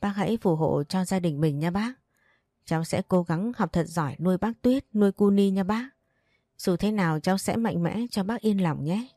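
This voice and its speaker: A woman's voice: mid-range voice, normal speed, mellow, dry recording, studio quality, lightly acted. A woman voicing a grieving young woman who pleads and sobs through her lines, in a storybook reading. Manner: pleading, sobbing.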